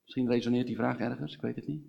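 A man's voice: mid-range voice, fairly even intonation, fast, gravelly, muffled recording. A man gives a sermon in an informal, chatty way, full of fillers. His voice sits in the middle of the range and rises into earnest, pleading questions. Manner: informal, conversational preaching with fillers and rising pleas. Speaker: pastor.

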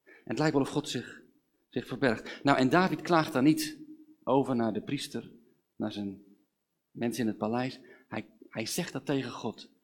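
A man's voice: medium pitch, moderate pace, long pauses. A man giving a sermon, talking informally with fillers and rising into earnest pleading questions. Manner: informal, conversational preaching with fillers and rising pleas. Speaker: pastor.

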